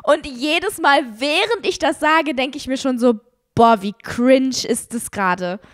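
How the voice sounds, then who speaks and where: A woman's voice: high voice, a little slow, no room sound, clean studio sound. A young woman co-hosting a casual podcast, giggly and self-mocking, laughing often while she chats, a little sick with a sore throat. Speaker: podcast co-host. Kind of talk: casual chat.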